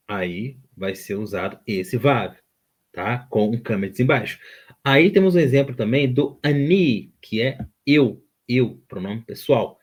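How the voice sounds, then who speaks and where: Slow, patient male teacher. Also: fairly high pitch, darkish tone. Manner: explains slowly, repeats terms, frequent "tá?" checks. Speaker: Hebrew teacher. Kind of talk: online grammar lesson.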